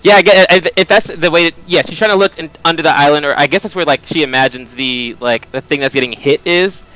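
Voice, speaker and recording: Male game player, smooth clear voice, hesitant casual chat, faint music behind. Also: on the high side, fairly quick, pushed and bright, low-quality recording. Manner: hesitant, thinking aloud.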